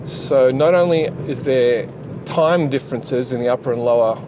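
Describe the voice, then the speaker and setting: Inside a moving car with road noise in the background, a man who makes games and runs a channel rambles casually at normal speed. His voice is medium-pitched, and his speech is full of fillers and restarts.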